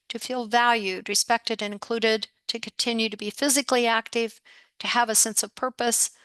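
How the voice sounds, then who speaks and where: An upbeat woman presenting a webinar from her office, speaking straight to her listeners and often calling out to everybody. Her voice is bright and forceful, with a crisp, smooth clarity. The sound is close and dry. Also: medium pitch, no room sound. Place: home or office desk.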